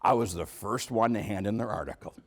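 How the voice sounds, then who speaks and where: A man's voice: lowish voice, fairly quick. A man giving a motivational talk at a business meeting, asking the audience questions and acting out quotes. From New York. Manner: animated, asks the audience questions, acts out quotes. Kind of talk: motivational speech.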